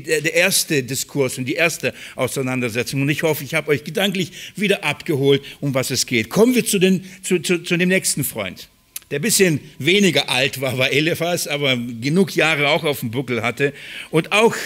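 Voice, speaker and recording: A man's voice: a little high, fairly bright tone. A man preaching a sermon, earnest and emphatic, often repeating words for stress.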